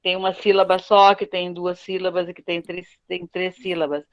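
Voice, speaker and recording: A woman teaching Portuguese to foreign learners on a video call, patiently repeating words slowly to model pronunciation. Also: fairly low pitch, little pitch movement, highs cut off. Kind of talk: online class explanation.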